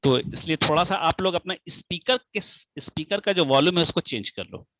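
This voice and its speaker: A man teaching a physics class online, explaining slowly with many repetitions and rhetorical questions, speaking with the mic held right at his mouth. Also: a little high, animated, noisy background. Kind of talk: live online class lecture.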